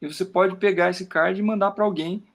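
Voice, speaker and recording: A man's voice: high voice, fairly even intonation, a little fast, creaky. A Brazilian man, a poet, talking casually in an interview and rambling, with frequent "né?" tags and stammered repeats. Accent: Brazilian Portuguese. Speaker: poet talking about his book. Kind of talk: casual interview chat while showing his work on screen.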